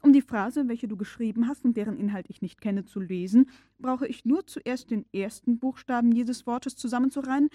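A woman voicing a gruff, obsessive old male professor in an audiobook, speaking in a stern, commanding way that breaks into angry shouts. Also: a little high, moderate pace, dry recording, clean studio sound, lightly acted. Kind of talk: audiobook character reading.

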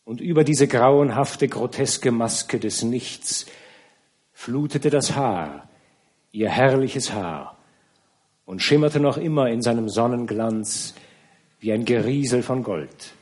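A man reading a classic novel aloud as an audiobook narrator, measured and grave. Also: mid-range voice, darkish tone.

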